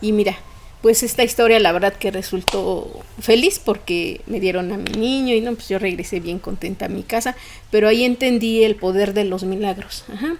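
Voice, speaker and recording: A woman's voice: medium pitch, moderate pace, a little mellow, slight background noise. A woman, a podcast guest telling a personal story in conversation, emotional and fluent, with frequent fillers.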